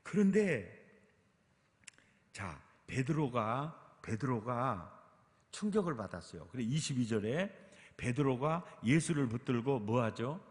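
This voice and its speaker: A man's voice: mid-range voice, sing-song, takes it slowly. A male pastor preaching at a teachers' seminar, asking the audience questions again and again. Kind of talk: sermon at a teachers' training seminar. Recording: long hall reverb.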